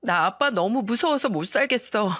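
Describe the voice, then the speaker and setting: A woman's voice: on the high side, lively intonation, moderate pace, fairly bright tone, no room sound, studio quality, voice pushed up. A woman voicing a frightened teenage daughter who pleads and protests against her father, in a dramatized radio story. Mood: pleading. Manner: pleading, indignant.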